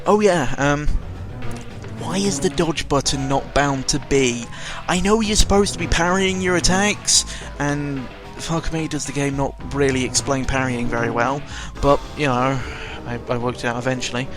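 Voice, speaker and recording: At a moderate pace and in a mid-range voice, a British man offers offhand commentary on a video game, sarcastic and mildly profane as he rambles on. Game music plays under his close-miked voice.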